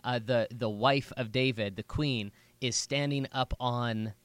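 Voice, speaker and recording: A man, a pastor, co-hosting a casual Bible podcast, telling stories with animated energy and slipping into a preacher voice. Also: mid-range voice, a little slow, smooth, dry recording. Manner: animated storyteller, drifts into a preacher voice.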